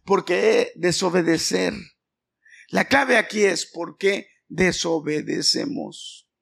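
This pastor's high voice is gravelly and fairly bright in tone. Giving a conversational sermon in church, he calls on congregants by name with questions and performs scolding exchanges, changing his voice for each part.

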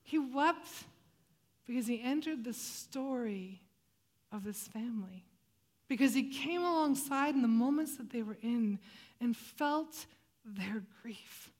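Expressive woman preaching a sermon. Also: on the high side, slow. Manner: expressive, dramatic rises and hushed drops. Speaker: pastor.

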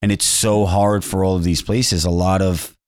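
Podcast co-host guy, bit of a low voice, just chatting, really dry sound. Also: level tone, moderate pace, a little mellow, clear, resonant tone, no echo. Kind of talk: casual chat.

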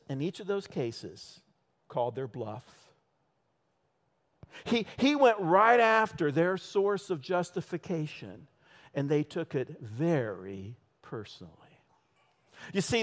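Man, church sermon, lively rising and falling voice, slow deliberate delivery, rhetorical questions. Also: sits high. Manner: animated, rhetorical questions, acts out short voices. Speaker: church elder preaching.

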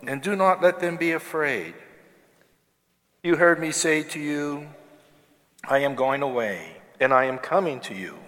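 A man's voice: fairly high pitch, a bit bright. A man reads scripture solemnly as a clergyman in a church service, his voice ringing with cathedral echo. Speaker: clergyman reading the Gospel. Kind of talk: solemn liturgical scripture reading. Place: large church. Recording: echoey cathedral-like hall with long reverb.

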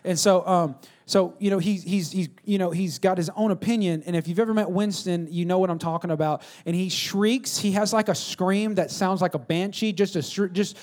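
A man's voice: sits high, fairly even intonation, normal speed, few pauses, darkish tone. A man preaching a sermon, telling family stories in a conversational way and asking the congregation to respond. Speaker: pastor.

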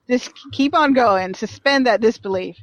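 A woman's voice: a little high, dry recording. A woman chatting as a podcast panelist, hesitant and heavy on fillers. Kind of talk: casual chat.

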